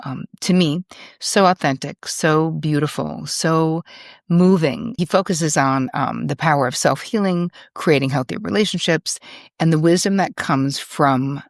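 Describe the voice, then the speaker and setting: Low-voiced gushing woman host. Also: no room sound, studio quality. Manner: gushing, animated, with laughs and fillers. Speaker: podcast host. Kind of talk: effusive interview chat.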